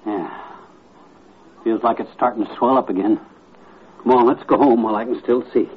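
An actor playing a grumbling, touchy, blustering husband in a 1950s radio comedy. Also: male voice, mid-range voice, steady tone, moderate pace, natural voice. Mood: satisfied. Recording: muffled old radio, faint noise.

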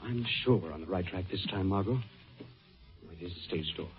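An actor playing a confident, gallant gentleman detective, brisk and assured, in old-time radio mystery style. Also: deep voice, close to an everyday voice. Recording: muffled old radio recording, faint music.

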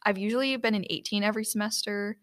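A woman's voice: medium pitch, fairly even intonation, fast talker. A young woman co-hosting a casual student podcast, friendly and upbeat, with a teasing edge. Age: young adult. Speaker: student co-host.

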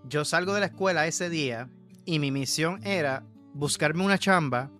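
A man in his fifties with a Puerto Rican accent, co-hosting a podcast and telling stories in a loose, animated way, laughing often and slipping English words into his Spanish. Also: on the high side, normal speed, soft background music. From Puerto Rico. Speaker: podcast co-host. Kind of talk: casual storytelling chat.

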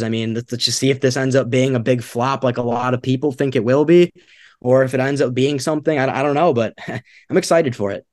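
A man's voice: medium pitch, a little mellow, no room sound, studio quality. A man co-hosting a sports podcast, upbeat and casual, chuckling between phrases. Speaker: podcast co-host.

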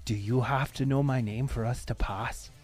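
A man's voice: medium pitch, fairly even intonation, normal speed, darkish tone, soft background music. A man playing a tabletop game, bantering in a dry, joking way. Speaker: player. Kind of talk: tabletop role-play banter.

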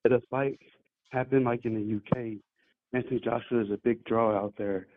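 A remote caller phones into a show while leaving an office, chatting casually and loosely and repeating words. The muffled, bass-heavy line carries his steady voice at a moderate pace, with no echo.

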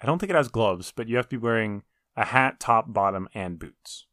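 A man's voice: lowish voice, lively intonation, a little fast, fairly bright tone, no echo, studio quality. A man co-hosting a casual gaming podcast, explaining and giving his opinions in a matter-of-fact way. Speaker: podcast co-host.

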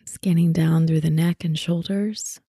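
A woman narrating a guided sleep relaxation like a sleep story narrator, soothing and softly spoken, with unhurried phrases and long pauses. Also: sits low, fairly even intonation, slightly rough, no room sound, studio quality.

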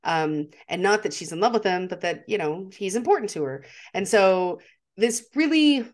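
A woman's voice: mid-range voice, lively intonation, moderate pace. A woman co-hosting a podcast, talking enthusiastically with lots of fillers and restarts. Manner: enthusiastic, rambling with many fillers. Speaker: podcast co-host. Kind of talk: casual chat.

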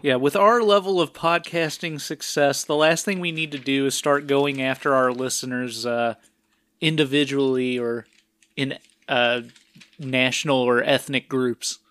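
Podcast host, man, mid pitch, slow hesitant delivery, dry room. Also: steady tone, a bit bright, no room sound. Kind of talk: casual chat.

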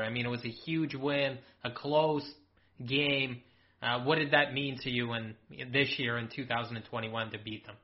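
A man interviewing an athlete, asking direct, plain questions. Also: medium pitch. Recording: dull lo-fi recording.

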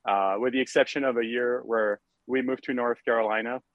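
A man's voice: medium pitch, steady tone, a little fast, no room sound, highs cut off. A middle-aged man from France with a French accent, chatting casually as a podcast guest with many fillers and easy laughter. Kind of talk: casual interview chat.

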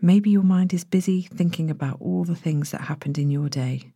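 A woman narrating a sleep story as a guided relaxation, in a gentle, hushed and breathy manner with long pauses. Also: fairly low pitch, no room sound, studio quality. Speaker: podcast host, sleep meditation narrator.

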